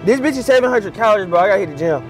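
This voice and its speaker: Animated high-pitched man, mouth burning from spice. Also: rapid-fire, over loud music. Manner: exasperated, animated complaining with heavy swearing. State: mouth burning from spicy food, nauseous. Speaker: vlogger doing a food challenge. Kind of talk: casual vlog chat. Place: parking lot and inside a parked car.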